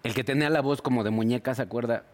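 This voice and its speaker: A man's voice: mid-range voice, very fast. A man with a Mexican accent telling bawdy jokes casually among friends, rambling and full of slang. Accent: Mexican Spanish. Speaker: joke teller.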